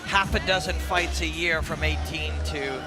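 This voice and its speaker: Fairly high-pitched male fight analyst. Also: moderate pace, loud music behind the voice. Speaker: colour commentator and analyst. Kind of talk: analytical live fight commentary.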